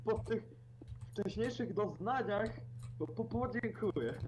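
High-voiced young man, noisy mic. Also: lively intonation, slow. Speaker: co-player. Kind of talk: casual gaming chat over voice call. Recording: noisy home gaming mic with keyboard typing.

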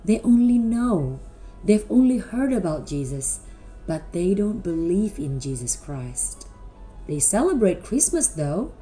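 Slow, lively woman kids show host. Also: mid-range voice, soft background music. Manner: animated, simple questions and drawn-out words for children. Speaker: children's presenter at a school Christmas service.

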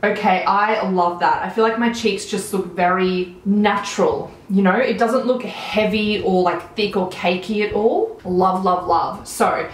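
Her mid-range voice stays steady and unhurried, with hardly any pauses, as this Australian beauty vlogger in her thirties chats enthusiastically about products while applying makeup. She records in a small room at home, and the audio is poor and roomy.

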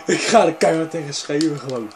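A young man giving loud, playful commentary over a football video game match. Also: high-pitched, noisy background. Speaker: gaming video creator. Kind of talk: excited gameplay commentary.

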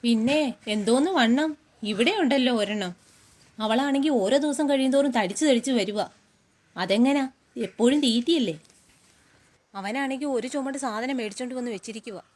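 A woman playing a sharp-tongued middle-aged mother who scolds and gossips about her daughter-in-law in a comedic short film. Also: a little high, a little fast, close to an everyday voice. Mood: fussing.

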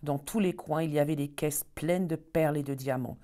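A woman storyteller reading a fairy tale aloud in an expressive, measured way. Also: deep voice.

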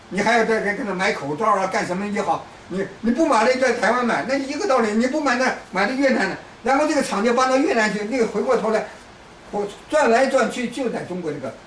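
Man from China, hectoring commentator, high-pitched; distant, roomy recording with faint background noise. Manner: lecturing, repetitive restarts, hectoring asides. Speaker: political commentator. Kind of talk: rambling political monologue.

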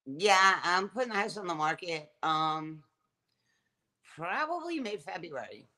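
A woman's voice: lowish voice, sing-song, a little slow, sharp tone. A middle-aged woman joining a livestream by video call from her couch, giving short, offhand answers. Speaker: streamer guest. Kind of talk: casual livestream chat. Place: living room couch, indoors. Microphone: phone camera on video call.

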